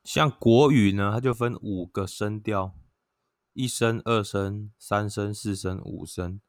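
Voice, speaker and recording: A man's voice: fairly low pitch, a little slow, no room sound, clean studio sound. A man with a Taiwanese Mandarin accent who gives a casual, chatty explanation, filling his talk with "oh" and chanting sounds aloud as examples. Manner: chatty, sprinkles "oh" fillers, chants tones aloud. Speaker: vlogger.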